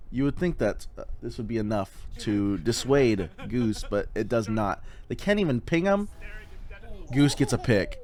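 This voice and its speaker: A man talking through replays of a competitive shooter match in casual, lively analysis. His pitch rises and falls a lot as he points things out. He swears now and then. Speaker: esports analyst. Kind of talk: casual game analysis commentary.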